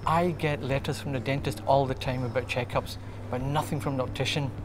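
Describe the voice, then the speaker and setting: A man's voice: mid-range voice, fairly even intonation, a little fast. A man in his forties from Glasgow, giving a testimonial of his views. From Glasgow, Scotland. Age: 40s. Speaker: community member giving views. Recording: clear background noise.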